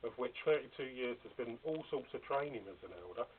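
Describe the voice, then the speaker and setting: A man's voice: medium pitch, expressive, fast talker. An older man, an elder speaking firmly and officiously in a dispute, picked up by a hidden wire. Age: middle-aged or older. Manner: firm, insistent, officious, dismissive. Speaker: congregation elder. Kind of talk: formal dispute in a meeting. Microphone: hidden recorder on another person. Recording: muffled, hissy hidden body-wire recording.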